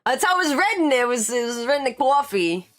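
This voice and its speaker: A woman streaming live in casual chat. She answers chat as she works and jumps to sudden high exclamations. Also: big pitch swings, a little fast, a bit bright, soft background music. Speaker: VTuber streamer.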